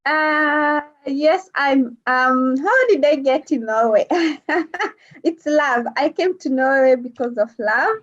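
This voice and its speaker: Appearing as a guest in a casual interview, a woman from Kenya speaks with a Kenyan accent, her voice sitting high and slow. She hesitates often, leans on fillers, and laughs readily, all in dull lo-fi sound.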